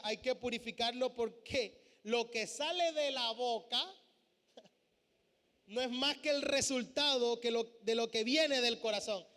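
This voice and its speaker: A man's voice: very high-pitched, bright, forceful tone. A man preaching a sermon as pastor, posing questions to his congregation. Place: church sanctuary. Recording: church hall with long reverb.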